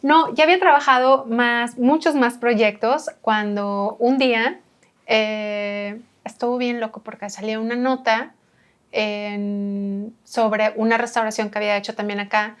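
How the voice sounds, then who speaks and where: A woman from Monterrey with a northern Mexican accent, an architect and restorer, appears as a guest in a casual podcast conversation. Her voice is a little high and her pace measured. She's a lively storyteller who laughs often and acts out dialogue.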